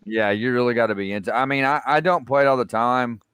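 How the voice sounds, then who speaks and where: A man in his forties chats on a live stream, agreeing often and tossing in "man". His voice is mid-pitched. The sound is dry and close. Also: fast, a bit bright, smooth, no room sound. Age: 40s. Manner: agreeable, says "man" and "yeah" a lot. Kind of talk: casual chat on a live stream.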